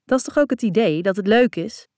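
A woman's voice: medium pitch, animated, fairly quick, a little mellow, no room sound, clean studio sound. Woman reading as an easygoing young man. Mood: breezy. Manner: light, teasing, breezy.

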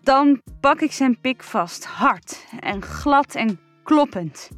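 A woman reading a first-person erotic story aloud in a slow, breathy, sensual way. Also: fairly high pitch, no room sound. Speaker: narrator.

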